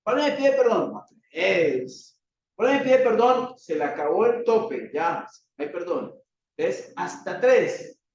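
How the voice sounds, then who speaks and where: A man with a Colombian accent preaching a sermon, asking rhetorical questions and leaning on dramatic pauses. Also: high voice, big pitch swings, darkish tone. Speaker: pastor. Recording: echoey hall, distant dull mic.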